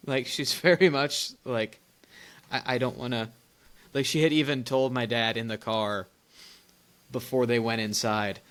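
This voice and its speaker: A young man co-hosting a podcast, telling family stories in casual chat, animated and laughing often, with rambling restarts. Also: medium pitch, normal speed, smooth. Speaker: podcast co-host.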